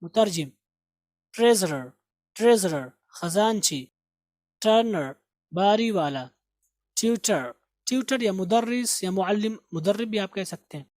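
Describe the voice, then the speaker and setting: Teacher, slow explaining, repeats each word, medium pitch, dead dry close mic. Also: lively intonation, a little mellow, no echo. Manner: explains slowly, repeats words for pronunciation. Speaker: English teacher. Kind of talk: spoken grammar and vocabulary lesson.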